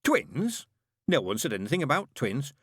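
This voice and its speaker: A man's voice: medium pitch, huge pitch swings, a little fast, dry recording, clean studio sound, pitched above the performer's own voice. A male audiobook reader voicing a tired, mild-mannered middle-aged accountant who talks in a polite, hesitant way. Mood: bemused.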